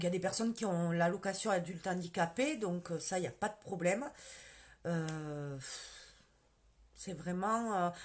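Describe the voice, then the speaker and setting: A woman with a strong southern French countryside accent, chatting casually on a live stream, answering viewers' questions about her sales work and greeting commenters by name. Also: medium pitch. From southern France. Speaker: beauty sales consultant.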